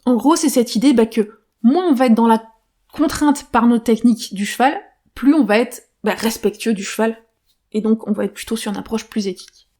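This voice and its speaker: A woman hosts a solo podcast with a slightly raised voice. She talks loosely and thinks aloud, filling pauses with small hesitations and restarting her phrases. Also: a little high, dark tone. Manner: casual, thinking aloud with many fillers like "bah". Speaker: podcast host.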